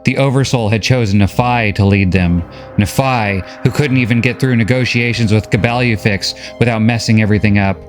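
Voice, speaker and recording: A man reading a novel recap as scripted story narration, steady and measured. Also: lowish voice, faint music behind.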